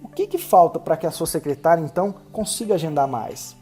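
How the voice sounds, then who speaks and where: A man from Brazil who talks fast, hosting a solo podcast and coaching the listener directly. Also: fairly high pitch, animated, dark tone, husky, faint music behind. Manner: fast-talking, instructive, addresses listener directly. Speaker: podcast host.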